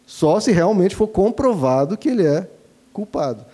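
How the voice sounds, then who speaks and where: High, mellow-voiced man advising parents. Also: sing-song, moderate pace. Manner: gentle and didactic, calls listeners "dear ones". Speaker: father giving parenting advice. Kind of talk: earnest advice talk to listeners.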